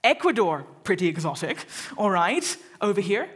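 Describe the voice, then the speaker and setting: Hosting a live event from the stage of a lecture hall with an audience, a woman from England chats, jokes, and teases the crowd. She speaks at a moderate pace in a mid-range voice with big pitch swings and a breathy edge.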